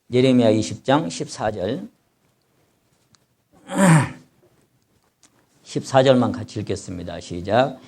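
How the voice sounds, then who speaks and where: Impassioned Korean pastor preaching. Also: male voice, medium pitch, mellow. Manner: reads scripture aloud, then explains it in plain speech; impassioned, cries out in the voice of the sufferer. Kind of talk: sermon.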